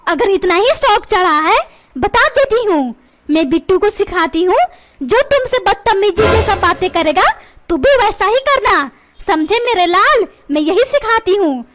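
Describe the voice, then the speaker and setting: A woman voicing a sharp-tongued, feisty mother in a cartoon who bickers with her husband. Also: very high-pitched, animated, measured pace, a little hiss or hum, exaggerated voice. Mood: taunting. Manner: bickering, taunting. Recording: loud background music.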